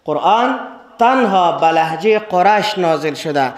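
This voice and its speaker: High-voiced Afghan Dari lecturer. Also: male voice, expressive, a little hiss or hum. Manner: repeats key words, stresses phrases by rising; slow, deliberate listing. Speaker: religious teacher. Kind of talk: classroom Quran lecture.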